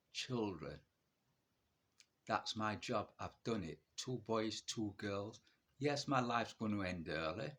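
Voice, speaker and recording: A man's voice: mid-range voice, husky. A man in his early sixties talking straight to the camera in a blunt, defiant monologue, asking himself questions and answering them at once. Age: 60s. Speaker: vlogger sharing his illness.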